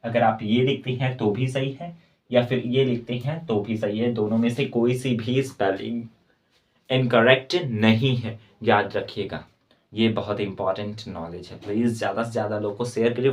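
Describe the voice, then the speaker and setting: A man giving a spoken tutorial as an English teacher, slowly spelling out words letter by letter and repeating his points. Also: mid-range voice, fairly even intonation, a little mellow.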